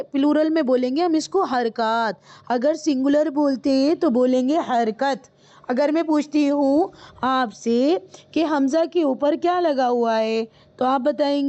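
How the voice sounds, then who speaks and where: A woman's voice: high-pitched, a little mellow, lo-fi sound. A woman teaching in a live online class, patiently explaining and repeating each point, then quizzing her students. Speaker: Quran reading teacher.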